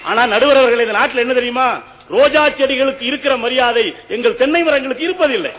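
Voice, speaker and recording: A man's voice: very high-pitched, fast talker, fairly bright tone, in a large hall, a little hiss or hum. A man giving a humorous, rhetorical debate speech on stage and often turning to address the judge.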